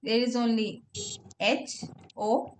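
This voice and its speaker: This recording, carrying a little hiss or hum, captures a French tutor in a one-on-one lesson. Her voice is on the high side, level in tone and slow, as she patiently spells words letter by letter and keeps saying "okay."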